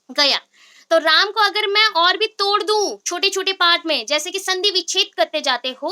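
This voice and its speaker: A woman's voice: very high voice, pushed and bright. A woman teacher giving a lecture, explaining step by step and quizzing her students with repeated questions. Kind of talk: classroom lecture.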